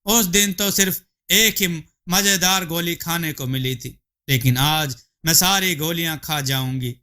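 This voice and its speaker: A man's voice: on the high side, measured pace, bright, forceful tone. Man putting on Gulabo, whiny greedy village wife. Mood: delighted. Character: lazy greedy village wife, middle-aged.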